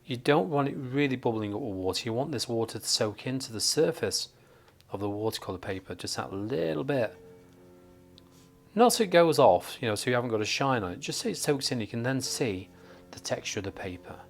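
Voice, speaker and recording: A man's voice: mid-range voice, expressive, a little fast, creaky, soft background music. Chatty man from northern England teaching. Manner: chatty and jokey, thinking aloud while painting. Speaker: watercolour tutor. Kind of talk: live painting tutorial. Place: painting desk under studio lights.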